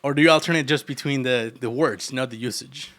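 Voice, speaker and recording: Speaking with an Argentine Spanish accent, a man from Argentina codes live and ribs his chat in a playful, laughter-filled way. His mid-range voice is fairly bright and his pace is brisk.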